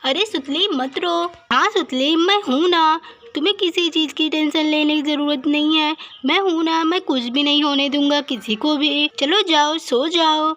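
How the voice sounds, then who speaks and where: A woman playing a caring village brother in a doll story, reassuring and protective. The voice sits high and sounds bright, close to her own. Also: normal speed, lo-fi sound. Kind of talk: doll story role-play.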